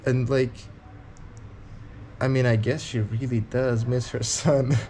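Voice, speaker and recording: A man's voice: medium pitch, steady tone, takes it slowly, warm tone, a little hiss or hum. Candid young man rambling in a vlog. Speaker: touring cyclist vlogger. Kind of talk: casual vlog talk to camera.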